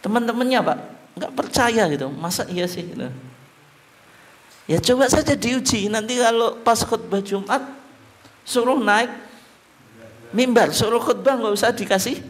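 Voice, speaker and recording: A man's voice: very high-pitched, moderate pace, pauses often, slight background noise. A man giving a religious study lecture, asking his listeners questions and answering them himself. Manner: lively, asks the audience questions and answers them himself, addresses them as Pak. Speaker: religious teacher.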